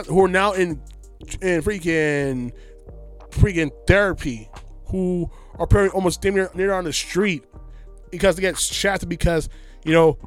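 A man co-hosting a podcast, ranting in casual chat and sometimes mocking voices. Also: high-pitched. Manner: animated, ranting, mocking voices mid-rant. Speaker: podcast co-host.

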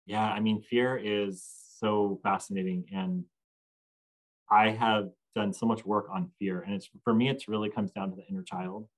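Reflective man guest, lowish voice. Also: normal speed, poor audio. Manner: reflective, animated when telling anecdotes. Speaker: guest, entrepreneur. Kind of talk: podcast interview.

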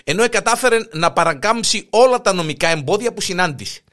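Man, Cypriot Greek accent, host, comic gossip news, high lively voice. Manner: animated, jokey storytelling.

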